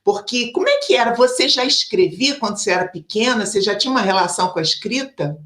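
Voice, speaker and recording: A woman's voice: medium pitch, sing-song, fast talker, fairly bright tone, echoey room. A woman from Rio de Janeiro interviewing an author, thinking aloud in a casual chat. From Rio de Janeiro, Brazil.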